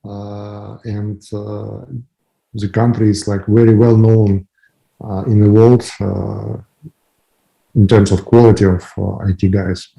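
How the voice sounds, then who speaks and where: Ukrainian-accented businessman guest, low dark gravelly voice, halting delivery with many fillers. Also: little pitch movement, rough recording. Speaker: guest, company founder. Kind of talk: interview answers.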